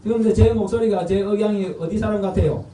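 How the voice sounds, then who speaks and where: A middle-aged pastor from North Gyeongsang, Korea, preaches an evangelistic sermon in a Gyeongsang accent, quizzing the congregation and echoing their answers back. He talks fast in a high voice amid crowd noise, captured distantly in an echoey, large church sanctuary.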